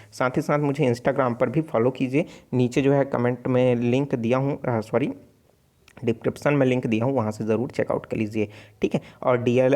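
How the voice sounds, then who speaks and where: A man's voice: medium pitch, dark tone. A man with a Chhattisgarhi accent teaching an online exam-prep class, explaining steadily, sounding out letters and correcting himself often. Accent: Chhattisgarhi Hindi. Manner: explanatory, repeats sounds aloud, frequent self-corrections. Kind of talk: casual spoken lesson.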